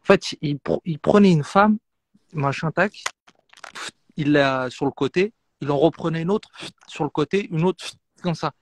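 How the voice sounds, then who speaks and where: A man on a live stream, telling an animated anecdote in casual chat. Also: a little high, moderate pace, no echo.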